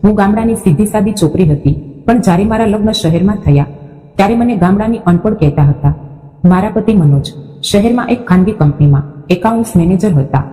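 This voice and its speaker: Calm storybook narrator, woman, dark mellow tone, reverberant. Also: medium pitch, fairly quick.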